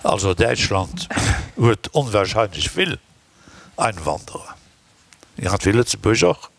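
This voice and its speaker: Gravelly low-voiced man at a conference. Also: sing-song, unhurried, no room sound. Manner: opinionated, conversational. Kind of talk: conference discussion. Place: conference hall.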